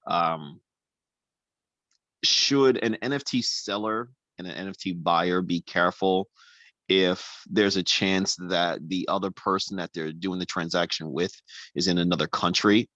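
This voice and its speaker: A man with a very deep voice puts a question to his guest. He is halting and fills gaps with many ums and uhs. The sound is dry and close. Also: fairly even intonation, a bit bright, no room sound, lo-fi sound. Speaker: host asking questions. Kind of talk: conversational Q&A.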